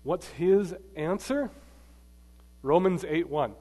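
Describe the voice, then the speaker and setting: Male preacher, fairly high voice, emphatic, loud then hushed, long church-hall reverb. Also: slow. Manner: emphatic, swings between loud and quiet, quizzes the audience. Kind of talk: sermon to a live congregation.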